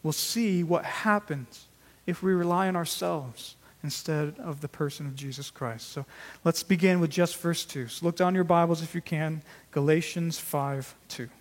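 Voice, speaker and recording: A man's voice: a little high, normal speed, big-room sound. A man preaching an earnest sermon as pastor, with emphatic rises in volume on key words.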